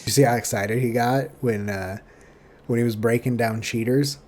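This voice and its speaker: A man's voice: medium pitch, fairly even intonation, normal speed, darkish tone, a little hiss or hum. A man giving comedic reaction commentary as a streamer, riffing with profane mock outrage.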